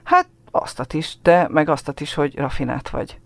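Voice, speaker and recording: A woman voicing a shy, warm village boy of about ten who talks in earnest rural dialect. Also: low voice, gravelly, no echo.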